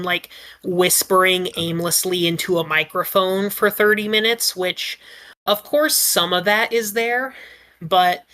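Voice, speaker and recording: A woman's voice: mid-range voice, sharp tone. A woman on a casual podcast call, explaining her views at length in an earnest way, with lots of "like"s. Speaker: podcast panelist and ASMR script writer.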